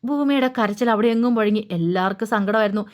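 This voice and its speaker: Brief: woman storyteller, casual colloquial serial recap, fills pauses with soft hums. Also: mid-range voice. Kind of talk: casual retelling of a TV serial episode.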